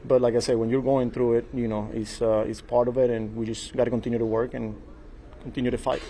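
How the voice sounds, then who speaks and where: A man in his forties answers reporters at a postgame press conference, his tone mellow and his delivery flat. He talks in a measured, halting way and repeats his words as he thinks. A faint room hum sits under the table mic. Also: mid-range voice, rough recording. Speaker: baseball manager. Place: small press room before a sponsor backdrop. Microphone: table mic in front of him.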